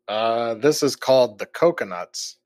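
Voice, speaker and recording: A man's voice: medium pitch, animated, a little slow, a little mellow, dry recording, studio quality. A man co-hosting a podcast, chatting casually and laughing at himself. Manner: chatty, self-deprecating, laughs often. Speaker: podcast co-host.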